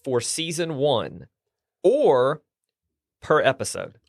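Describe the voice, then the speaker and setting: A man's voice: mid-range voice, big pitch swings, slow, vocal fry, no echo, studio quality. A man guest on a podcast, easygoing, reading out trivia questions. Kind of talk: casual podcast banter.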